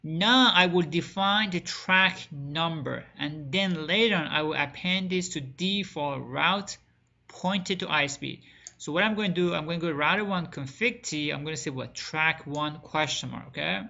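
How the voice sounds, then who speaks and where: A man's voice: a little high, normal speed, vocal fry, bright, forceful tone, muffled recording. A man teaching a screen-recorded networking lesson, asking the class questions and answering them himself, with small grammar slips. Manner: plain spoken with non-native grammar slips. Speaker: networking instructor.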